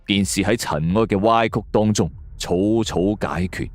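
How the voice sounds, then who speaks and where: Over a bed of background music, an audio drama narrator with a Hong Kong Cantonese accent tells a scripted suspense story in a theatrical, suspenseful style. His voice is lowish and he speaks at a normal speed.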